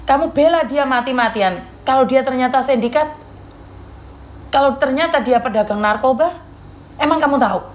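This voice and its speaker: Stern high-voiced woman host. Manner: stern, scolding, repeats warnings. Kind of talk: lecturing live chat.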